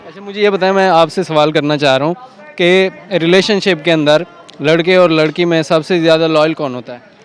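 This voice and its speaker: A man with a fairly high voice from Pakistan, hosting a street interview outdoors. He fires off quick follow-up questions and jokes with the people he stops. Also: steady tone.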